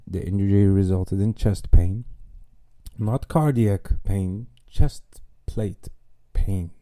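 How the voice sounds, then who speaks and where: A man's voice: sits low, slow, dark tone, no room sound. A man hosting a podcast, telling a personal story in a casual, self-mocking monologue with wry jokes. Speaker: podcast host.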